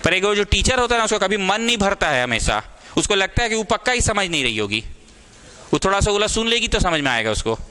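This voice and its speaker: A man's voice: sits high, sing-song, fast, bright, forceful tone, clear, resonant tone. A young man teaching maths to a small class, mixing in English and scolding students in a caring way. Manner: scolding yet caring, mixes Hindi and English. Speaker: maths tutor.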